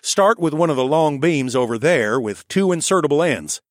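A high, lively raccoon architect who hands out brisk, encouraging orders, as a man puts him on. His voice leaps about and sounds bossy and keen. The recording is dry and close. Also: no room sound, close to an everyday voice. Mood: eager.

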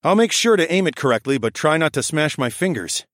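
A man voicing an eager, bossy male raccoon architect who gives brisk instructions. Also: a little high, very animated, fairly bright tone, no room sound, studio quality, pitched above the performer's own voice. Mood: commanding.

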